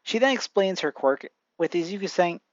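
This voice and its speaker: A man's voice: high-pitched, expressive, normal speed, no echo, highs cut off. A man narrating a fan story on the fly, with many restarts and asides. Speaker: fan fiction reader.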